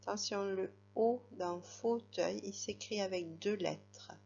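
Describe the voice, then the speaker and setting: Female teacher, patient dictation, gravelly voice, slow delivery. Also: mid-range voice, darkish tone. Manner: slow, patient, spelling words letter by letter. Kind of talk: spelling dictation lesson for a child. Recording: slightly dull, lo-fi recording.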